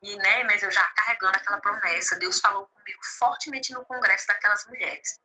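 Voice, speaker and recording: A woman from Brazil recounts her testimony as a gospel singer and preacher in an interview. Her voice is very bright and ringing, and her telling is lively, acting out what others said to her. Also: medium pitch, a little fast, rough recording. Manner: lively storytelling, quotes others, laughs easily.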